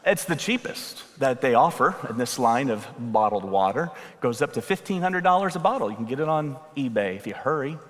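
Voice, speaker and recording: Speaking fairly quickly with few pauses, a pastor delivers a sermon into a pulpit microphone, his mid-range voice expressive. The talk moves from conversational joking to emphatic appeals, with a long hall reverb from the church sanctuary.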